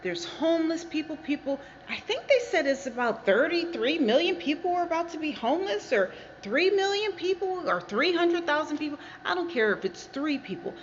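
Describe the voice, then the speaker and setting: A woman's voice: high voice, big pitch swings, normal speed, few pauses. An American woman vlogging casually from a garage, talking to her viewers in a chatty, digressive way. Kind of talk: casual rambling commentary to viewers. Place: garage with reflective acoustics. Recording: dull muffled sound with background noise, live garage.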